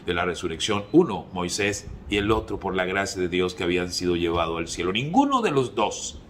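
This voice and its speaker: A man preaching a sermon, fervent, moving between hushed passages and emphatic peaks. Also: low voice, flat delivery, a little fast, slight background noise.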